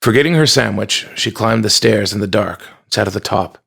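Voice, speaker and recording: A male storyteller reads a chapter aloud in a calm, measured way. His low voice is heavily gravelly and husky. It suits a storybook read by its author. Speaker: audiobook narrator. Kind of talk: scripted storybook narration.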